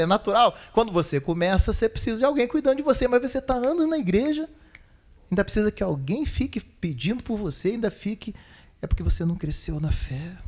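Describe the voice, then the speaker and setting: Middle-aged male pastor, high voice, quick lively sermon delivery, mimics voices, rhetorical questions. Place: church.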